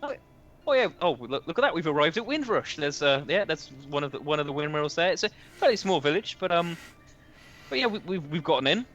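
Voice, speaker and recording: A man's voice: a little high, big pitch swings, a little fast, a bit bright, dull audio, faint music behind, pitched above the performer's own voice. A man doing a chatty Bristolian villager. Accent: put-on Bristolian. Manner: gossipy, rambling, calls people mate. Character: chatty friendly male villager wagon driver.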